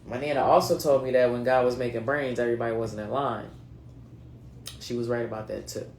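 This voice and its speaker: A woman in her late thirties with a mixed US East Coast accent (New England, Philadelphia, North Carolina, Delaware) reads cards for her viewers in a loose, slangy, chatty style, talking straight to them. Her extremely low, darkish voice is fairly quick with fairly even intonation. It echoes around the room, with a little hiss or hum.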